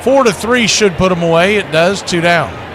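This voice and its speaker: This baseball radio announcer's voice sits high and sounds expressive as he calls the game live at normal speed. Noise fills the background, and his style is conversational, with clipped calls and wry asides.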